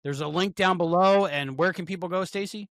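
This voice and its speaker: A man's voice: high voice, a little fast, a bit bright, no room sound, clean studio sound. A man hosting a casual podcast chat, upbeat, thanking the guests and listeners in turn. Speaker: podcast host.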